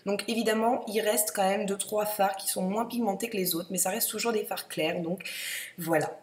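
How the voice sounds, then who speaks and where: A woman's voice: mid-range voice, fairly even intonation, normal speed, a little mellow. A young woman chatting casually through a makeup swatch review, hesitant, with many fillers and repeated words. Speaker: beauty vlogger. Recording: echoey room.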